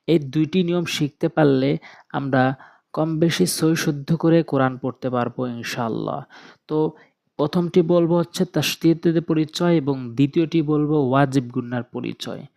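A man with a Bengali accent teaching Quran recitation in a video lesson, spelling out Arabic letters slowly syllable by syllable. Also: on the high side, vocal fry, a little mellow. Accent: Bangladeshi Bengali.

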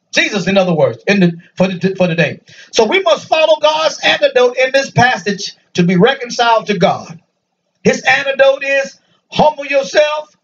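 High-voiced preacher, lively and distant. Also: male voice. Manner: lively, call-and-response preaching, joking with the congregation. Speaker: pastor. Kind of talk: sermon. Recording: dull, distant church recording.

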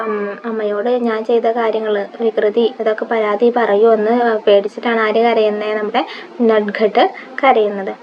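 Lady teacher going line by line through a story, higher voice, kinda dull lo-fi sound. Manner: reads Hindi lines slowly, then explains and quizzes in Malayalam. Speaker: Hindi teacher. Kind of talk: line-by-line textbook explanation. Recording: dull lo-fi audio with faint background hiss.

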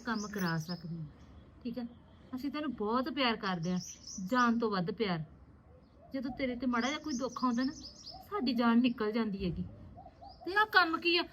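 An actress playing a caring, anxious young married woman who gently scolds and coaxes her younger sister-in-law. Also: fairly high pitch, animated, fairly quick, pauses often, a little hiss or hum. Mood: tender. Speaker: actor. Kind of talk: village family drama acting. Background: birdsong.

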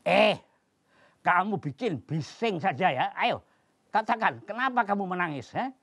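An older man voicing a stern, impatient grandfather who scolds loudly in a spoken storybook. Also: high-pitched, animated, measured pace, slightly rough, voice pushed up, full character voice. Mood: gruff. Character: gruff, impatient old grandfather.

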